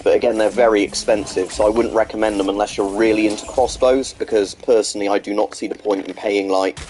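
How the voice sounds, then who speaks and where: A gaming streamer chats casually with viewers while playing, his fairly low voice a little mellow against slight background noise. He rambles, fielding chat questions between gameplay remarks, and hesitates a lot with ums and restarts. A slight sore throat and blocked nose color his speech.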